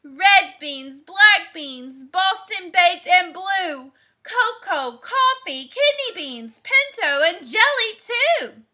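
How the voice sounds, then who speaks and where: A woman's voice: extremely high pitch, big pitch swings, takes it slowly, few pauses, bright, forceful tone, heavily acted. Woman doing a fretful little storybook chihuahua. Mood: alarmed.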